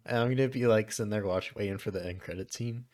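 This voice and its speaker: A man's voice: lowish voice, racing, darkish tone, dry recording, clean studio sound. A young man co-hosting a casual chat, enthusiastic and slangy. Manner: enthusiastic, says "dude" and "like" a lot. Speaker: co-host.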